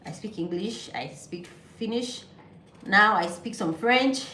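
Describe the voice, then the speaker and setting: Slow-talking woman in an echoey kitchen. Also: mid-range voice. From Nigeria. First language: Yoruba. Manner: chatty, easygoing, thinking aloud. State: pollen allergy, sneezing. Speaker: vlogger. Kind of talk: casual cooking vlog chat with live viewers. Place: home kitchen. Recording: echoey kitchen with loud background noise.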